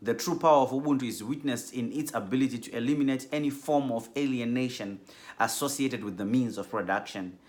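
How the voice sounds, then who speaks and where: A man from Zimbabwe giving a measured, earnest class introduction as a doctoral theology student, with frequent ums. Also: medium pitch, a little mellow.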